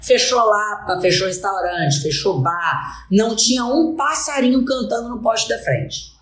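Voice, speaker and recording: A woman's voice: medium pitch, unhurried, fairly bright tone. A woman on a podcast, telling a story in a casual, dramatic way and acting out the people in it. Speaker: podcast co-host. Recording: roomy echo.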